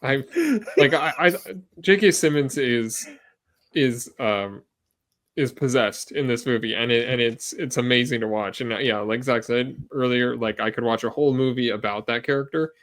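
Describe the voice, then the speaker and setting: A man co-hosting a movie podcast, talking earnestly in a halting casual way. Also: mid-range voice, a bit bright. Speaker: podcast co-host. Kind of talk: casual chat.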